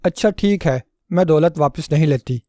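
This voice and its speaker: A naive young wife who panics and pleads anxiously, as a man reads her lines. The voice is a touch high yet mellow and dark. The recording is close and completely dry. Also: no room sound, lightly acted. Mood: panicked. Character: flustered naive young wife, easily frightened.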